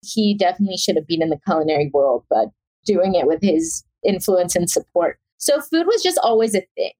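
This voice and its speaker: A woman's voice: on the low side, big pitch swings, a little fast, mellow, low-quality recording. A young adult woman from South Africa, a chef talking as a guest in a casual interview, chatty and rambling with many fillers.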